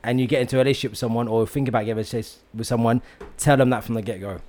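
A man's voice: mid-range voice, fairly even intonation, racing, a little mellow. A man hosting a casual chat, explaining his views and steering with questions. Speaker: podcast host.

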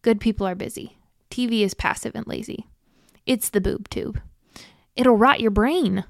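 A woman's voice: medium pitch, a little mellow, no echo, studio quality. A young woman from the United States hosting a candid, self-deprecating personal talk, with frequent ums and uhs. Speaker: host.

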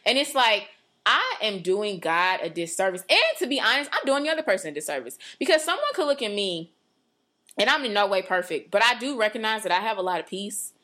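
This woman in her twenties has a medium-pitched, sing-song voice that moves briskly with a sharp edge. Co-hosting a podcast, she's in her late twenties and talks earnestly and at length about her faith, rambling with plenty of "like," fillers, and restarts.

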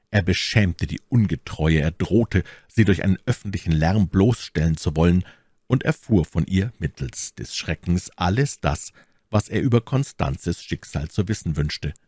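A man narrating a classic novel as an audiobook in a measured, even manner. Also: low-pitched, slightly rough, no room sound.

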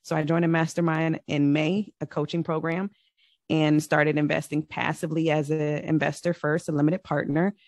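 A woman's voice: deep voice, little pitch movement, normal speed, a little mellow, dry recording, clean studio sound. A woman from Virginia, a podcast guest, telling her story in an upbeat, chatty way. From Virginia, United States. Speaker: podcast guest, real estate investor. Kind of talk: casual interview talk.

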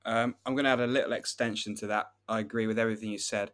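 A man co-hosting a football betting podcast, running through odds and trends in a relaxed, steady way. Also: lowish voice, rapid-fire. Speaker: podcast co-host, betting tipster. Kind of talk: casual football betting chat.

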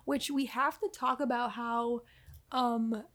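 A woman's voice: on the high side, fairly even intonation, slow, fairly bright tone. A woman co-hosting a casual film review chat, talking with many hesitations and laughing easily. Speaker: podcast co-host.

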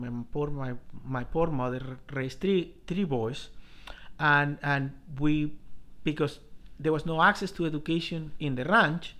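A middle-aged man from Colombia, a professor telling his life story in an interview, halting with many restarts. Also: medium pitch, bright, forceful tone. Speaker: professor, guest.

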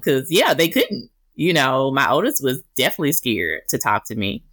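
A woman guest on a podcast in casual chat, reflective and laughing softly between thoughts. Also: rumbling low, big pitch swings, normal speed, no room sound, clean studio sound. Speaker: podcast guest, author and speaker.

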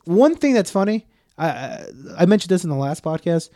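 A young man co-hosting a podcast, telling stories in a loose, profane, animated way with plenty of fillers. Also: high-pitched, fairly quick, no room sound, studio quality. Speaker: podcast co-host. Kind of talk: casual storytelling chat.

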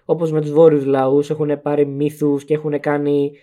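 A young man co-hosting a podcast in easy casual chat. His voice sits a little high with a mellow, soft tone. He rambles through long explanations and corrects himself mid-sentence. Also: completely flat delivery. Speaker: podcast co-host.

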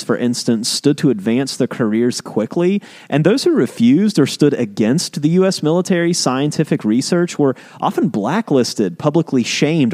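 A man on a podcast tells a history story to his co-host. He speaks at a middle pitch, casual and explanatory. He leans into key points with lively emphasis.

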